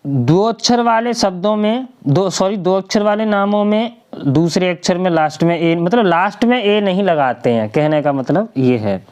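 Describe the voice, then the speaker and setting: A woman's voice: on the low side, expressive, normal speed, a little mellow. A woman teaching a spelling lesson, patient and drawn out, spelling letters one by one and answering her own questions. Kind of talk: slow classroom lesson.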